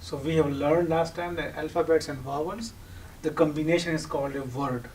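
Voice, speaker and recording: With a fairly high but darkish voice, steady in tone and normal in speed, this teacher lectures explanatorily, posing and answering his own questions. He has a Pakistani accent and speaks Urdu natively. The microphone is distant and background noise can be heard.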